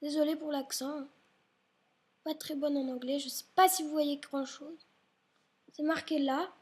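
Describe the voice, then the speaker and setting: A young woman with a high, slightly mellow voice chats unhurriedly about her school supplies in a home vlog. Her intonation is fairly even; she rambles, apologizes often, and seems a bit unwell, possibly congested.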